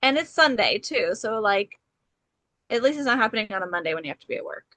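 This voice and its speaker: A woman's voice: mid-range voice, sing-song, fast, bright, forceful tone, no room sound. A woman co-hosting an astrology podcast, talking in a bubbly, chatty way with many "like"s and "okay"s. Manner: bubbly, chatty, filler-heavy with frequent "like" and "okay". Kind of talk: casual chat.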